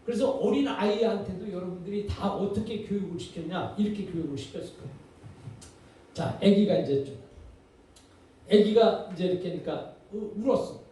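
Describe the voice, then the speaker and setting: A man's voice: high-pitched, moderate pace, dark tone, slight background noise. A man giving a lecture on parenting, talking conversationally and quizzing his listeners with rhetorical questions. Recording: echoey hall from far off.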